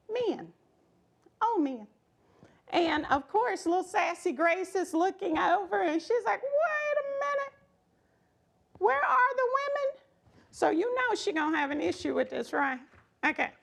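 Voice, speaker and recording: A middle-aged schoolteacher gives an informal storytime read-aloud in a very high-pitched voice with vocal fry. She adds folksy, conversational asides as she reads.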